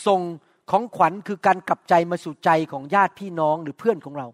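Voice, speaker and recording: A man's voice: sits high, fast talker, dry recording, clean studio sound, long reverb tail. A middle-aged man preaching a sermon, earnest, acting out short quoted exchanges. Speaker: pastor.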